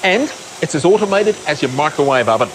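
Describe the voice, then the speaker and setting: A man presenting and narrating a science documentary segment in a lively, scripted style. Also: a little high, a little fast, a little hiss or hum. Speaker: science reporter. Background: music.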